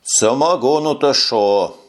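A man voicing a stubborn older police sergeant with a Ukrainian accent, who talks slowly and bluntly in an audiobook. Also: medium pitch, natural voice. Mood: grumbling. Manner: slow, grumbling, blunt.

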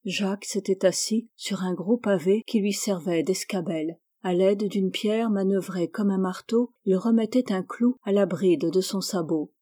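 Mellow-voiced woman reading a tale. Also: medium pitch, a little slow, few pauses. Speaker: storyteller. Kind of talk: scripted story narration.

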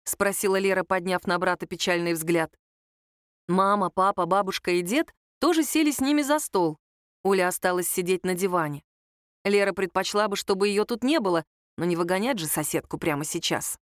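A woman narrating an audiobook in an even, steady reading. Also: fairly low pitch, moderate pace, dry recording, clean studio sound.

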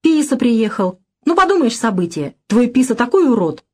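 A woman voicing a capricious, sharp-tongued young woman in an audiobook reading. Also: fairly high pitch, sing-song, moderate pace, breathy edge, voice pushed up. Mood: excitable, mocking.

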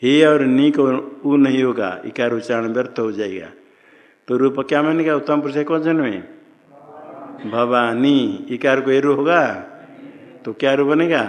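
A man teaching a Sanskrit grammar class, who keeps quizzing his students with questions. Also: medium pitch. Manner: quizzing students, slow and deliberate. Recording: long hall reverb.

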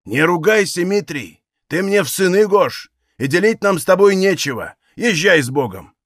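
A man's voice: high-pitched, very animated, normal speed, no room sound, clean studio sound, exaggerated voice. A man doing a stern old Cossack father. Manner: loud, firm, commanding.

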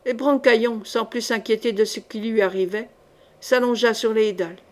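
A woman narrating a swashbuckling novel with expressive storytelling. Her voice sits a little high. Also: normal speed. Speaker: audiobook reader. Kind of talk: scripted narration.

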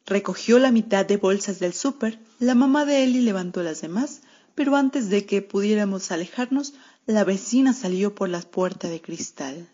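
A woman's voice: mid-range voice, animated, moderate pace, warm tone. Woman reading a story with wry sarcasm. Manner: wry, sardonic first-person narration as a cat. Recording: muffled lo-fi radio recording.

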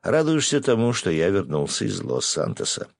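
A man's voice: deep voice, big pitch swings, moderate pace, gravelly, no echo, studio quality, heavily acted. A man doing a teasing young merchant. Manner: teasing, playful, softly tender.

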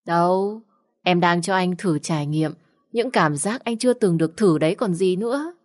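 A woman's voice: on the low side, moderate pace, lightly acted. A woman voicing a bold, mischievous young woman who teases and talks brashly. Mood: teasing. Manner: teasing, brash.

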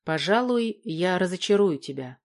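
Female narrator doing a young man, brisk, a bit exasperated, defensive, audiobook dialogue. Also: on the low side, expressive, a little mellow, natural voice.

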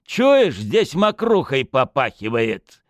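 A man's voice: medium pitch, wildly swooping pitch, slow, no echo, voice pushed up. A man voicing a stern male police chief who talks in curt commands.

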